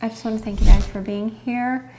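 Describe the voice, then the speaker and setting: A middle-aged woman hosts her home cooking channel, chatting earnestly and from the heart to her viewers on camera. Her voice is a little high and a little fast, with a steady tone, and there is background noise.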